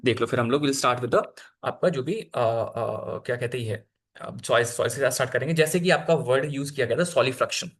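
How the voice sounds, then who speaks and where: A man's voice: mid-range voice, moderate pace. A young adult man teaching an exam-prep geography lesson over slides in a casual, chatty way, full of fillers and self-corrections. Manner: chatty, frequent fillers and self-corrections, mixes in English terms.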